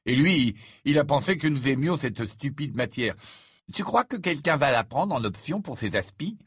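A man voicing a cheeky, lazy teenage schoolboy in an audiobook, speaking a little higher and livelier than his own voice. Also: animated, moderate pace, husky, dry recording, clean studio sound. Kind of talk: audiobook character voice.

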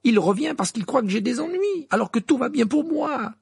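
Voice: sits high, expressive, normal speed, vocal fry, husky, no echo, clean studio sound, pitched above the performer's own voice, heavily acted. An audiobook reader voicing Harry, a hot-tempered teenage wizard boy who snaps sharply. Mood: angry. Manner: sharp, agitated. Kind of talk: audiobook character voice.

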